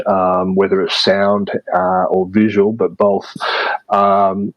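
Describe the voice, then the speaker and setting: A man answering interview questions in a measured way, with many fillers and restarts. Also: lowish voice, dry recording, lo-fi sound. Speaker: interview guest, media producer. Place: based in Vietnam.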